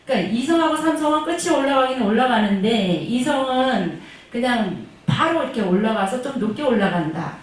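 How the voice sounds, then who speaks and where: A woman's voice: fairly high pitch, recorded from a distance. A woman teaching Chinese pronunciation in an online lesson, drilling tones aloud and asking her class questions she answers herself. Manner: demonstrates tones and sounds aloud, sometimes singing them. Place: classroom of a senior welfare center. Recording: very echoey room, voice from afar, faint noise.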